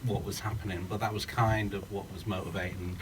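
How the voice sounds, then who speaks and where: A UK writer-director thinks aloud earnestly during a post-screening Q&A for his film, speaking up in a screening room with no working mic. His low voice has little pitch movement and a fairly quick pace, heard as distant room sound with background noise.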